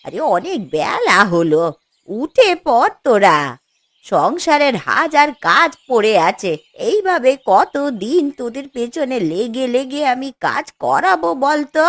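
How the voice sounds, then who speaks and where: A woman's voice: high-pitched, sing-song, unhurried, no echo, heavily acted. A woman doing a scolding old grandmother. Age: older. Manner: scolding, grumbling, weary. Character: stern fretting old grandmother. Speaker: voice actor. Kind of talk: cartoon voice acting.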